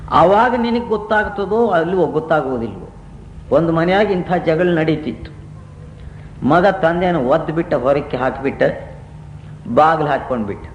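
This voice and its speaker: A spiritual teacher gives a devotional discourse to a gathering, teaching through stories and rhetorical questions in a voice a touch higher than most men's. The old recording sounds roomy, with a faint hiss beneath it.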